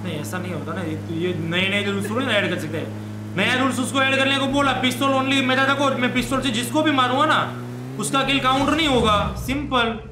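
A man streams a mobile shooter and chats casually with his teammates. He jokes around and barks quick, bossy calls, and his voice sits very high. The sound is roomy, with steady noise behind him. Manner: joking, bossy squad calls, excited bursts. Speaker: gaming streamer. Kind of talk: casual live gameplay chat.

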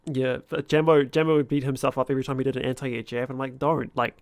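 A man, chatting informally and haltingly about games as a streamer, swearing casually. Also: medium pitch, steady tone, no room sound. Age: 20s. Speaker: streamer and host of a gaming series. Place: small room at home. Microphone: close desk microphone.

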